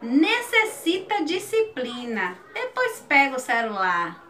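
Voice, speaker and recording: Young woman teacher, high and slow, clear explanations, sing-song verse recitation. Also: wildly swooping pitch, pushed and bright, a little hiss or hum. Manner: explains slowly, then recites rhymed verse with a lilting rise. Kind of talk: recorded video lesson with recited verse.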